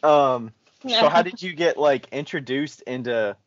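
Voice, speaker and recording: A man co-hosting a podcast interview, asking questions in a relaxed, slightly halting way. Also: fairly high pitch, no room sound, dull audio. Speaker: podcast co-host. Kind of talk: casual interview chat.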